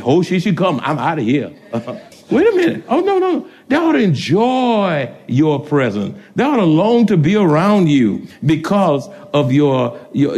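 Man preaching, high voice, swooping pitch, shouted prayers. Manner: preaching with rising shouts and laughs. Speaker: pastor. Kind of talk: sermon.

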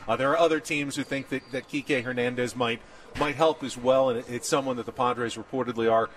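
Broadcasting from a baseball spring training camp, an American sports radio host keeps the talk conversational while interviewing guests. He speaks fairly quickly at a medium pitch, with rather even intonation.

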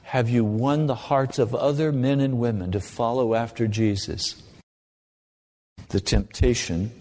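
A man preaching a sermon, gravely warning of judgment and urging listeners on with deliberate repetition and pointed questions. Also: lowish voice, darkish tone, a little hiss or hum. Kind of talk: sermon to a congregation. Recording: long hall reverb.

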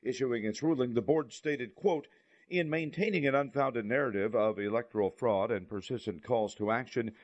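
A man's voice: medium pitch, moderate pace, a little mellow, dull audio. A man delivering a scripted news report as a correspondent.

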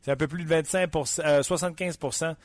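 A man's voice: a little high, fairly even intonation, fast, no room sound. A man with a Quebec French accent hosting a sports radio show, asking questions with fillers and stammers. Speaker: radio host.

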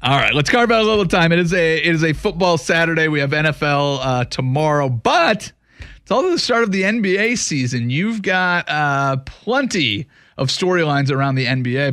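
A man's voice: a little high, fairly bright tone, no room sound. A man hosting casual sports talk in an emphatic, opinionated way on a close studio mic. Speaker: sports radio host. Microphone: close studio microphone.

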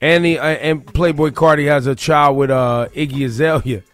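A man's voice: on the high side, fairly even intonation, normal speed, no echo. An American man hosting a radio show in casual, slangy, opinionated talk, repeating phrases for emphasis. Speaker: radio morning show host. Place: radio studio. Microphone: close studio broadcast microphone. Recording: dry studio sound over music bed.

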